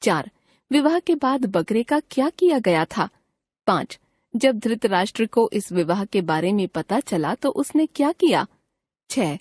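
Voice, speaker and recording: Woman reading a textbook, dry and even. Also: mid-range voice, no room sound. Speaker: textbook narrator. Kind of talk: reading a grammar textbook aloud.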